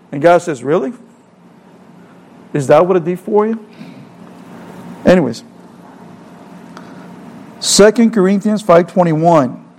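Here a middle-aged preacher from El Salvador, his Spanish carrying a Salvadoran accent, earnestly asks rhetorical questions and repeats phrases through his sermon. The voice is warm and on the high side.

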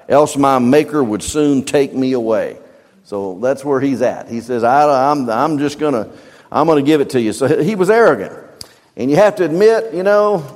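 An older man teaching from the Bible in a relaxed, folksy sermon style. His voice sits at an ordinary middle pitch and climbs sharply when he acts out a story. The sound carries a long reverb, as in a church hall. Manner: folksy, conversational, rising animated when telling stories. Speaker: preacher.

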